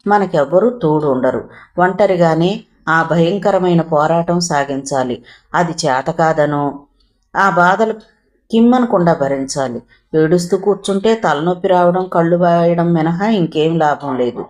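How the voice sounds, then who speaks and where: A woman voicing a patient young man who calmly reassures and advises. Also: lowish voice, measured pace, close to an everyday voice. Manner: calm, reassuring advice.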